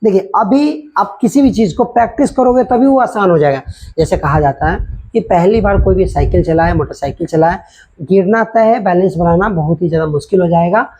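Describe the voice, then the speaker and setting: Male teacher, husky tone, patient explanatory delivery to students. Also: high-pitched, brisk, dark tone. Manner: explanatory, addresses students directly. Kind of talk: classroom lesson explanation.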